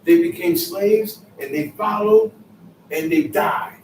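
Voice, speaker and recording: A man's voice: high-pitched, big pitch swings, takes it slowly, a little hiss or hum. A man giving a Sabbath scripture lesson, emphatic and repetitive, in casual street phrasing. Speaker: Bible teacher. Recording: echoey room, mic far off, faint ambience.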